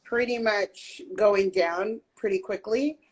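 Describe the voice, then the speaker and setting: A woman hosting a casual livestream chat, her raspy voice slightly hoarse from a cold, talking in a relaxed, chatty way with frequent fillers into a phone. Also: mid-range voice, takes it slowly. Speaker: host. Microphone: phone on a live stream.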